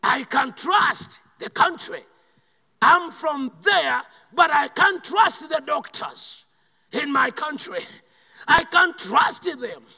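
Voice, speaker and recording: A man from Uganda with a Ugandan accent preaching a sermon, swinging between loud shouted bursts and quiet slow asides. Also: very high-pitched, in a large hall.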